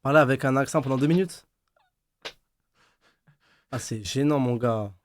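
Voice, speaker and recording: A man's voice: mid-range voice, normal speed, a little hiss or hum. A young man guesting on a live stream, chatting in slangy, joking casual talk. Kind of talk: casual chat.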